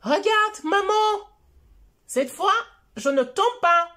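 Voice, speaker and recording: Storybook kid penguin, very high and bouncy, eager and a little whiny, played by a woman. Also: slow pace, heavily acted. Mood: proud excited. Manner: high childlike voice, excited and pleading.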